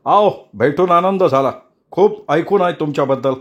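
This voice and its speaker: A man's voice: on the high side, normal speed, highs cut off, pitched above the performer's own voice, lightly acted. A man voicing a hearty, effusive young army captain who gushes over a guest.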